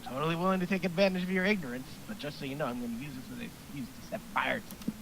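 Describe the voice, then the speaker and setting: A man voicing a brooding teenage male demon with a pyromaniac streak, in a low, flat, menacing mutter. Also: rapid-fire, vocal fry, slight background noise, poor audio. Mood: sullen.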